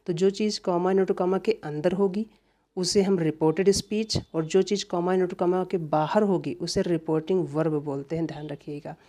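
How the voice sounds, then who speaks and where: A male teacher delivers an online grammar lecture, repeating reminders often while his voice softly falls at the close of phrases. His voice is high, his intonation fairly even, and he speaks a little quickly.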